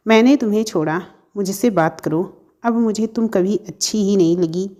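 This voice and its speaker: Woman narrator playing a cold young ex, accusing, blunt, mellow tone. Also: medium pitch, moderate pace, close to an everyday voice. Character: young man confronting his ex-girlfriend.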